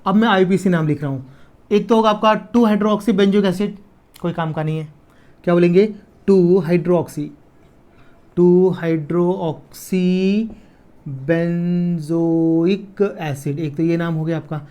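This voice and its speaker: A man's voice: sits high, darkish tone. Chemistry teacher, man. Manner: repeats key terms slowly, asks students "clear?". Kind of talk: casual classroom lecture.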